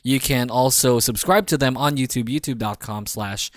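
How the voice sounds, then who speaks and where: A man's voice: mid-range voice, moderate pace, no room sound, clean studio sound. A man with a Filipino accent hosting a casual podcast chat, cursing freely, laughing a lot and slipping into Tagalog. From Philippines. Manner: swears freely, switches into Tagalog, laughs often. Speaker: podcast host.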